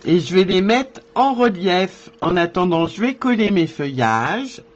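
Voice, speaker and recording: A man's voice: high-pitched, sing-song, dull audio, slight background noise. A man giving a live card-making tutorial, thinking aloud as he works and answering viewers. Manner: slow, thinking aloud while working.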